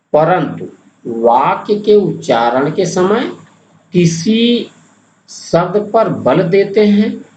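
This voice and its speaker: A man's voice: on the high side, darkish tone, slight background noise. A young man teaching a lesson on pronunciation, explaining point by point with spoken examples. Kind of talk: Hindi pronunciation lecture. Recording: echoey, dull lo-fi room sound.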